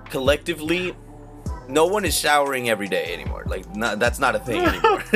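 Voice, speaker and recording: Very animated frat-bro young man, medium pitch. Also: fairly quick, music in the background. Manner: frat-bro slangy, profane, jokey. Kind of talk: casual comic storytelling among friends.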